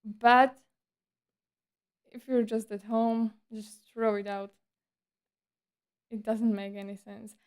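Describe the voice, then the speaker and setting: A woman with a fairly high, clean voice chats casually to her livestream. She takes her time between phrases, keeping a playful, breezy and teasing streamer persona. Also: level tone, slow pace, long pauses, clear, resonant tone.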